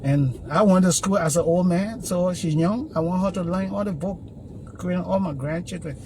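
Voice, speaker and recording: Older man, high voice, earnest and rambling, phone vlog, faint background noise. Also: normal speed, darkish tone. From Liberia. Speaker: video blogger. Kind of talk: casual vlog talk. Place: outside his church. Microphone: phone camera.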